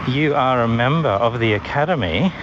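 A man's voice: mid-range voice, expressive, normal speed. Australian man's voicemail, traffic roaring behind. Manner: wry, teasing. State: tired from walking. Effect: voicemail message played back. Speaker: listener leaving a voicemail. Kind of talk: casual joking chat. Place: outdoors, walking home beside traffic. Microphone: phone. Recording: dull voicemail with loud traffic noise. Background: street and vehicle noise.

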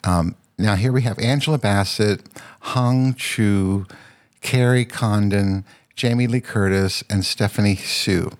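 A man's voice: lowish voice, slow. A man hosting a casual solo podcast, rambling and searching for words with lots of ums. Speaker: podcast host.

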